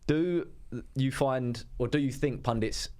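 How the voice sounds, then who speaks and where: A man's voice: mid-range voice, a little slow, a little mellow. A young man hosting a casual football chat, hesitant and full of fillers. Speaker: podcast host.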